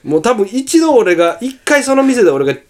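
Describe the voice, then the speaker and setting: A man with a Kansai accent telling funny stories in casual chat as a radio host, animated and laughing often. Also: very high-pitched, fairly quick. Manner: animated storyteller, bursts into laughter.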